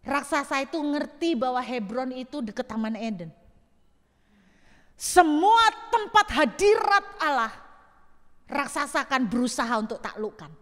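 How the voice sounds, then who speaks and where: High-voiced woman preaching in a reverberant hall. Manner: lively preaching, mixing in English phrases. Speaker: pastor. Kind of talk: sermon. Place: church hall. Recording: long church-hall reverb.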